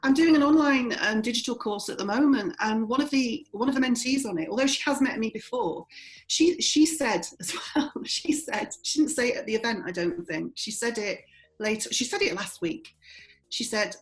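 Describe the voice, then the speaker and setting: A woman's voice: a little high, animated, normal speed, low-quality recording. A woman in her forties, a property trainer and interview guest, speaking bluntly and openly, laughing often as she talks. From born in Germany, raised in army families. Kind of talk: candid interview conversation.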